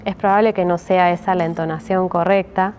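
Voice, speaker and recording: A woman with a Rioplatense Spanish accent patiently leads a step-by-step craft tutorial, hesitating often and checking in with "¿sí?" again and again. Her voice is on the low side, steady and darkish, moving a little fast, with slight background noise.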